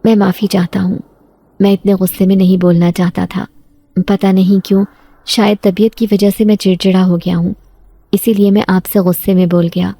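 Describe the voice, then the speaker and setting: A woman voicing a sickly, orphaned young male servant who tells his story in a quiet, resigned tone. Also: medium pitch, little pitch movement, dry recording, close to an everyday voice. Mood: apologetic.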